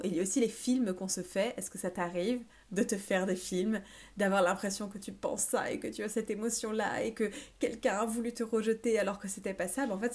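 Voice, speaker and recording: A woman life coach talking straight to her viewer in an informal self-help video, pausing often on fillers as she explains. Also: mid-range voice, darkish tone. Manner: informal, addresses the listener as tu, many filler pauses.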